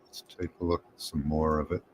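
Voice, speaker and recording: A man giving unhurried, tentative commentary over images, thinking aloud with pauses and hums. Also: rumbling low, little pitch movement, a little hiss or hum. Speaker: remote viewing presenter.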